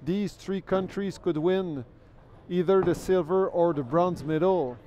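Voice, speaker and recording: Commentating live on bowling from the alley, this man, whose first language is French, keeps things chatty, thanks his viewers and repeats words while gathering his thoughts. He speaks a little slowly in a high-pitched, darkish voice over slight background noise.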